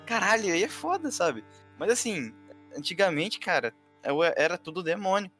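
A man co-hosting a casual film review chat, talking in a slangy, laid-back way that gets lively when he jokes. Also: high-pitched, moderate pace, soft background music. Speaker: co-host of a film review show.

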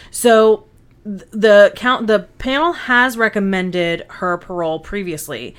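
A chatty woman co-hosts a casual podcast. She talks with a middle pitch, filling her speech with "um" and "like". She giggles often. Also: fairly bright tone, clean tone. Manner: chatty, giggly, lots of fillers. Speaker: podcast co-host. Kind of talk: casual chat.

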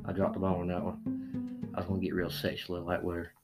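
A man's voice: sits low, completely flat delivery, brisk, music in the background. A middle-aged man hosting a podcast, chatting casually and joking crudely while making prank calls. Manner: laid-back, joking, crude. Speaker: podcast host.

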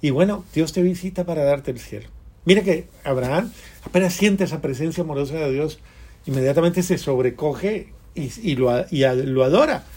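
A man preaching a fervent sermon, swinging between raised praise and hushed prayer. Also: fairly high pitch, lively intonation, moderate pace, breathy edge. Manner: fervent, sways from loud to hushed. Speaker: radio preacher.

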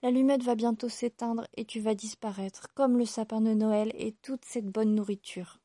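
A woman's voice: fairly high pitch, fairly even intonation, normal speed, mellow, no room sound, pitched above the performer's own voice, lightly acted. A woman voicing a poor, freezing little girl who sells matches, speaking in a raised, pleading childlike voice.

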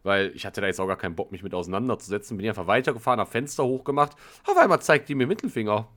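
A man's voice: on the low side, expressive, racing, a bit bright. A young man in casual chat, telling his own story between short reactions. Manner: chatty, reacts with short interjections.

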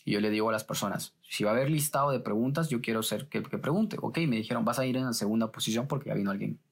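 A man's voice: medium pitch, quick pace, gravelly, husky. A man journalist, telling stories in a casual interview and acting out the exchanges he describes. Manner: lively retelling that acts out quoted exchanges.

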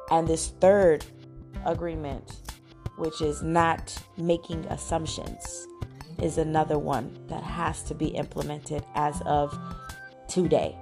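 A woman hosting her podcast in casual chat, her voice a bit muffled from congestion and often breaking into laughter. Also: deep voice. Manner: laughs often, chatty with fillers. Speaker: podcast host.

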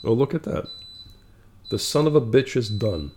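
A man's voice: mid-range voice, animated, moderate pace, darkish tone, slight background noise. A man telling a story in a casual monologue, blunt and profane, growing exasperated and checking in with "okay?".

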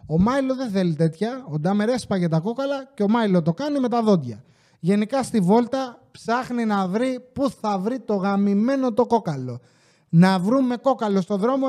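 A man's voice: sits high, dark tone. A man hosting a podcast who tells rambling comic stories in a casual style, full of profanity and joking rants. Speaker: podcast host.

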